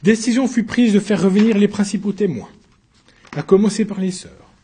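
A man reading a story aloud as a first-person narrator, in a measured storytelling voice. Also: high voice, warm tone, breathy edge. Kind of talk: audiobook narration.

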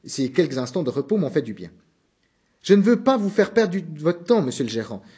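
Panicky young salesman, high and lively, a male reader doing him for a storybook. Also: slightly rough, full character voice. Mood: pleading. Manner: pleading, hurried, apologetic.

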